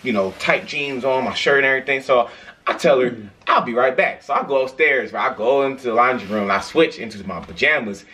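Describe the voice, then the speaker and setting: A man's voice: medium pitch, a little fast, sharp tone. A young man chatting casually and telling joking stories in a slangy, rambling, giggly way, recorded in a home room. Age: young adult. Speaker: challenge video host. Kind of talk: casual joking chat and storytelling. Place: small bedroom, indoors.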